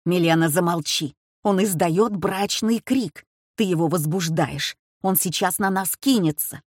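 A man's voice: unhurried, dry recording, clean studio sound. A woman reading a storybook, voicing a frightened husband who urgently tells his wife not to move. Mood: alarmed. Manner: urgent, low insistent warnings. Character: frightened husband facing a crocodile, trying to stay calm.

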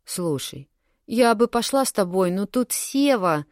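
A woman's voice: medium pitch, slow pace, dry recording, studio quality, pitched above the performer's own voice, close to an everyday voice. A woman reading an audiobook, voicing a carefree young female student friend in an easygoing, breezy way. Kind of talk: audiobook character voice.

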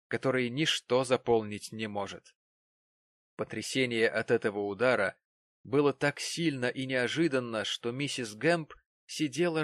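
Мужчина-чтец размеренно и выразительно читает прозу вслух. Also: male voice, mid-range voice, dry recording. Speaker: audiobook narrator. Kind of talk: scripted narration.

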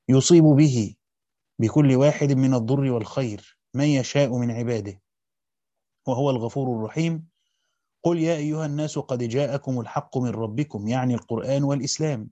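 A man, a teacher who reads a classical commentary quickly and breaks in with short colloquial asides. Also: medium pitch, mellow, no echo. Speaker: teacher of Quranic exegesis. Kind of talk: rapid reading of a classical text with brief explanations. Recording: dull, dry lo-fi recording.

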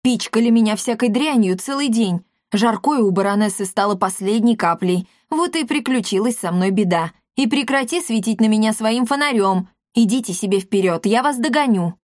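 A woman's voice: fairly high pitch, lively intonation, normal speed, few pauses, no room sound, clean studio sound, natural voice. A woman voicing a grumpy, irritable male cat in an audiobook, snapping at his companions. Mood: grumbling.

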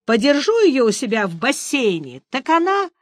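A woman's voice: high-pitched, very animated, moderate pace, dry recording, clean studio sound, pitched above the performer's own voice. A woman voicing a haughty, hot-tempered male prince who barks commands. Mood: domineering. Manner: barking, domineering.

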